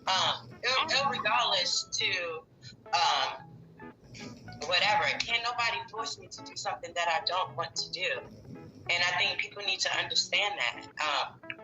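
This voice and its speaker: A woman guest in casual chat, speaking firmly and defiantly in halting phrases. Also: on the low side, animated, bright, forceful tone, highs cut off, faint music behind.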